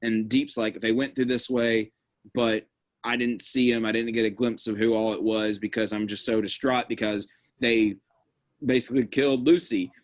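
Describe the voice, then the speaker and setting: A man's voice: fairly low pitch, moderate pace, no echo. A man co-hosting a casual recap chat, retelling scenes with lots of "like" and acting out quotes. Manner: animated retelling, acts out quotes, many "like"s. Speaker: podcast co-host.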